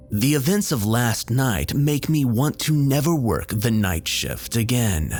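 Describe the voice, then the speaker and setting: A man reads a scary story in a lowish, expressive voice that rises and falls a lot. He keeps a measured storyteller's pace, with faint music playing underneath. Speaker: horror story narrator. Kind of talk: scripted narration.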